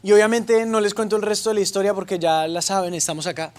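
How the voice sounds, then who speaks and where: A man's voice: high-pitched, flat delivery, fast, a little mellow. A young man, a pastor, preaching a sermon and telling his story with playful asides and acted-out dialogue. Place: church stage.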